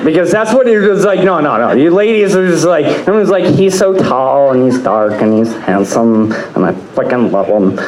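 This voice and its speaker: A man's voice: on the high side, a little mellow. Rambling crude stand-up comic man. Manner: rambling, crude, repeats "I was like", laughs at own jokes. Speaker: stand-up comedian. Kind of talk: stand-up comedy set. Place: comedy club stage. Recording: echoey club room.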